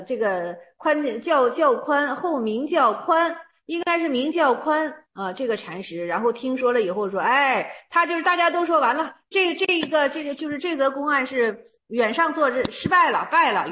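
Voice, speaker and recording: Woman with a high voice going through old zen texts for a class, reads slow then explains it plainly, repeats stuff a lot. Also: fairly bright tone. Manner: reads slowly, then retells in plain speech with repetitions and fillers. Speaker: teacher of Chan Buddhist texts.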